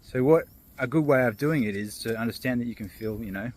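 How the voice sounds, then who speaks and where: Out on a walk, a motivational vlogger with a mid-range voice talks fairly quickly, casually telling a fable and reflecting on feelings. His storytelling is relaxed and loose, full of fillers and restarts.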